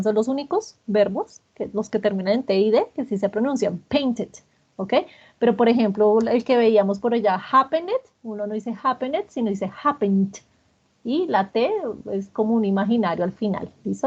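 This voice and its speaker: A woman with a fairly high, husky voice leads a grammar lesson. She patiently repeats each student's answer and encourages them. The recording sounds dull and lo-fi. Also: mellow. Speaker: English teacher.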